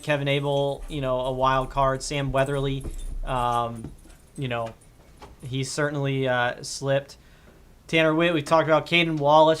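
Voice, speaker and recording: A man hosting a live draft panel, running down lists of names and trailing off softer at the ends of his thoughts. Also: a little high, clean tone. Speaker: draft show host.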